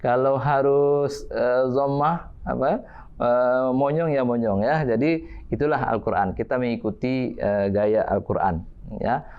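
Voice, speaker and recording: Slow, smooth-voiced male recitation teacher. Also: medium pitch, muffled recording. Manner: patient, models each verse then counts in the class. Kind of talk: TV recitation lesson.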